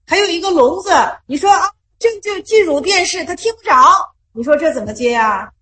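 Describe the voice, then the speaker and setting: A woman with a high voice leads a small Buddhist study group. She retells Zen koans in everyday language and speaks. She often loops back to the same question to press the point. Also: animated, brisk, a little hiss or hum. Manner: repeats herself, asks rhetorical questions, retells stories in plain speech.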